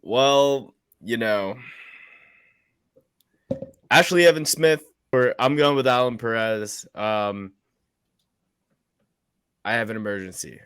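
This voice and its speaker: A man's voice: mid-range voice, slow, long pauses, a bit bright, clear, resonant tone. A man co-hosting a sports picks podcast in casual chat, introducing fights like an announcer. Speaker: podcast co-host.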